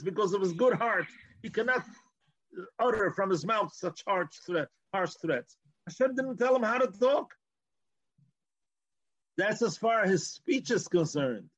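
A man teaches religion in a high-pitched voice with a Yiddish-inflected accent. He argues through rhetorical questions and repeats words as he builds each point. The sound is dry and slightly dull. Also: no room sound. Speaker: Torah teacher. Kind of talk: informal religious lecture.

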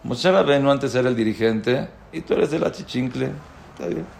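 A man voicing a clever wife who reasons calmly with her husband. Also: mid-range voice, moderate pace, gravelly, a little hiss or hum, close to an everyday voice. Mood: reasoning.

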